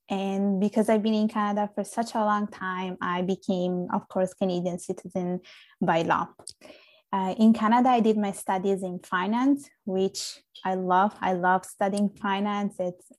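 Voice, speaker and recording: A young woman from Italy talks as a podcast guest, earnest and chatty with plenty of little fillers. Her pitch sits in a middle range, neither high nor low, and she keeps an easy conversational flow. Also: darkish tone. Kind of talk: casual interview conversation.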